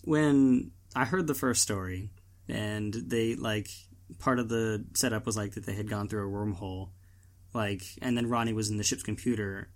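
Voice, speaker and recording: A man's voice: fairly low pitch, fairly even intonation, moderate pace. A man co-hosting a podcast, rambling casually with many filler words. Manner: rambling, heavy use of "like". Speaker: podcast co-host. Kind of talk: casual chat.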